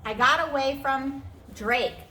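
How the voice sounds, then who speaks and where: A woman's voice: sits high, takes it slowly, sharp tone, reverberant, a little hiss or hum, exaggerated voice. A woman reading the lines of a bossy young schoolboy in a story. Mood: hushed. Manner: bossy, shushing.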